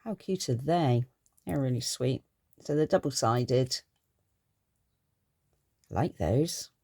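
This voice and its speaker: A woman's voice: rumbling low, animated, slow, creaky, dark tone, no room sound, studio quality. A middle-aged woman chatting casually through a craft haul in her garden craft room, gushing and rambling. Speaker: craft vlogger.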